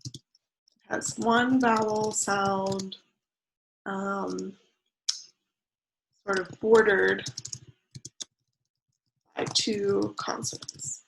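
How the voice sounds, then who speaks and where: Slow, gravelly-voiced woman teaching children. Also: medium pitch, level tone, a little hiss or hum, low-quality recording. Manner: patient, counts syllables aloud slowly. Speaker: creative writing teacher. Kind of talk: online lesson for children.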